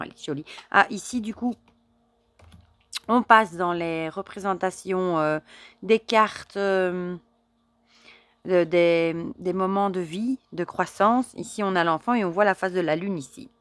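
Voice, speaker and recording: A woman in casual chat with her viewers, showing and admiring a deck of oracle cards, chatty and admiring, with soft murmured asides. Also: on the low side, slow pace, long pauses, dry recording. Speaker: card reader and oracle deck reviewer.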